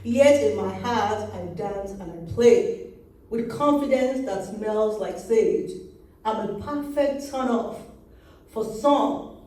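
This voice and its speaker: A woman in her forties with a Yoruba accent, a native Yoruba speaker, reading her poems in a slow, measured way. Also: medium pitch, dark tone. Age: 40s. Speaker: poet. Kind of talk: poetry reading. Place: reading event hall. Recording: very echoey room, mic far off.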